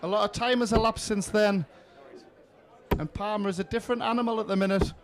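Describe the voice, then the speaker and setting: A man's voice: high-pitched, fairly even intonation, a little fast, some chatter behind. A man giving live darts commentary in short, punchy, admiring phrases.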